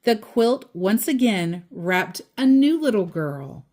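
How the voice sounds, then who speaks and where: A woman at medium pitch reads a children's story very animatedly, her tone warm. Her delivery is deliberate, with pauses separating short phrases and offhand asides mixed in, over slight background noise.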